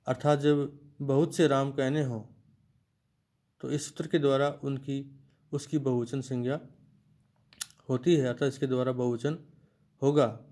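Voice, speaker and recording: Man lecturing slowly on Sanskrit grammar. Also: mid-range voice, little pitch movement, warm tone. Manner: slow, repetitive explanation, restating each point. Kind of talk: explanatory lecture to students.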